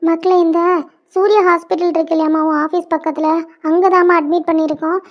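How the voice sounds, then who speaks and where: A woman voicing a high-voiced cartoon mother with a Kanyakumari Tamil accent. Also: flat delivery, fast. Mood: soothing. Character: worried mother, gentle and soothing. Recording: lo-fi dull audio.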